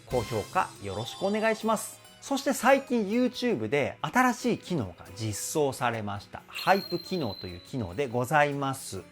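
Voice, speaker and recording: Male vocal coach on his own channel, chatty and admiring, pitch leaping all over as he explains technique, faint music underneath. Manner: speaks with soft drawn-out "uun" sounds while listening. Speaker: vocal coach reacting to a song. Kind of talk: casual video commentary.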